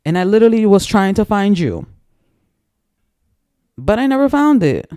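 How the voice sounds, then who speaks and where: A man's voice: high voice, very animated, moderate pace, darkish tone, smooth, no room sound, clean studio sound. A man in an angry, profane, rambling personal rant to camera, repeating himself as he gets worked up. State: emotionally worked up.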